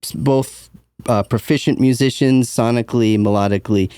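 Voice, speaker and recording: Mellow-voiced man telling stories. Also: mid-range voice, fairly even intonation, moderate pace, smooth, no echo, studio quality. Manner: easygoing storyteller, loose and rambling. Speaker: musician guest. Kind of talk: casual interview chat.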